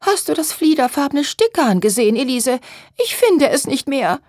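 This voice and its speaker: A woman's voice: very animated, normal speed, darkish tone, no room sound, clean studio sound. A woman voicing a plaintive, complaining seamstress who dotes on her son, in a storybook reading. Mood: whining. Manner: whiny, high and plaintive. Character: shrill complaining woman seamstress, doting mother. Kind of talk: audiobook reading.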